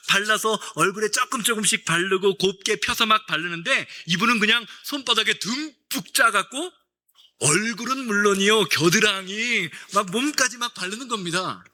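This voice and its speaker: A man's voice: high-pitched, lively intonation, moderate pace, pushed and bright. A male pastor preaching a Sunday sermon, telling a story with acted-out dialogue and questions to the congregation.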